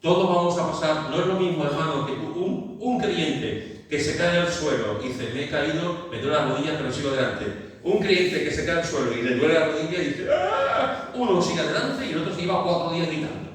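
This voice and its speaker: Echoey Andalusian preacher in a hall. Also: male voice, a little high, fairly quick. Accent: Andalusian Spanish. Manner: animated, rhetorical questions, repeats phrases for emphasis. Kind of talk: sermon. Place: large church hall. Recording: echoey hall, mic at a distance.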